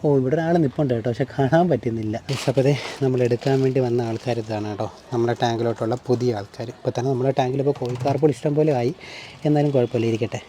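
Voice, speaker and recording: A man vlogging outdoors on a hot rooftop terrace, friendly and asking quick questions. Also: mid-range voice, fairly even intonation, mellow, a little hiss or hum. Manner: friendly, asks quick questions, calls him bro. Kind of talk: casual vlog and chat with a fish seller.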